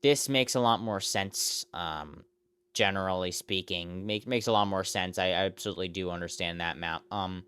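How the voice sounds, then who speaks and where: An American man hosting live, off-the-cuff election results commentary, reeling off figures and place names in a halting, repetitive way. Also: sits low, fairly bright tone, clear, resonant tone. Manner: halting, often repeats himself, reels off figures and place names. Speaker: election night live stream host.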